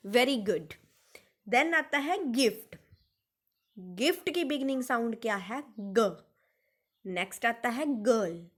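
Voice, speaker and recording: Woman, kindergarten phonics teacher; unhurried, repeats each sound, a bit high. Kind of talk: phonics lesson for young children.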